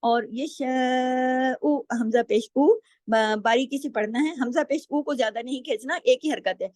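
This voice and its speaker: A woman teaching the rules of Quran recitation, patiently explaining step by step and slowly drawing out example words. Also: a little high, no echo. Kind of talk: tajweed lesson with slow drawn-out example recitation.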